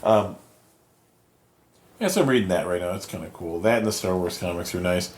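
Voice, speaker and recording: A man with a lowish voice chats loosely as a podcast host. He rambles, swears casually and often trails off mid-thought. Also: fairly quick, a little hiss or hum. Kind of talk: casual chat.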